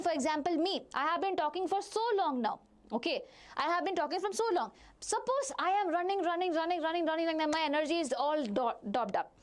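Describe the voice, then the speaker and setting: A woman with an Indian accent teaching a live online lesson, repeating phrases, asking questions and answering them herself while addressing students directly. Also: sits high. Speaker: biology teacher.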